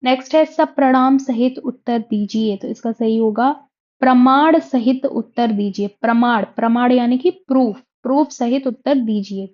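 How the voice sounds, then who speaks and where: A woman teacher walks through sentence corrections, repeating each fix and asking rhetorical questions. She speaks with mixed in, in a fairly high voice. The recording sounds a little dull and lo-fi. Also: normal speed, a little mellow. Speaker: exam prep teacher. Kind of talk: lesson on Hindi grammar.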